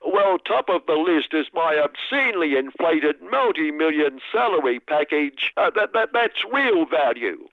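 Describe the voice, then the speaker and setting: A man's voice: a little high, big pitch swings, unhurried, hardly any pauses, no echo, voice pushed up. A man voicing a smug, greedy male corporate chief who stammers and hesitates. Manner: hesitant, stammering, self-satisfied. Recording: dry, tinny radio line.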